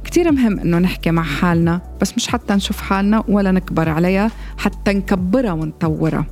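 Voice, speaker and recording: A woman's voice: fairly low pitch, quick pace, a little mellow. A woman with a Lebanese Arabic accent hosting a solo self-help podcast, addressing the listener directly in repeated, parallel phrases. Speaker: podcast host. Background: faint music.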